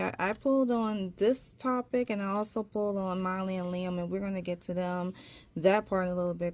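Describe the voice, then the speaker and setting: Female tarot reader, lowish gravelly voice, casual and halting delivery, speech slightly caught by a tongue ring. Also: a little mellow, slight background noise. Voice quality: slight impeded articulation from a tongue piercing. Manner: halting, searching for words, repeats phrases. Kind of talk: casual spoken tarot reading.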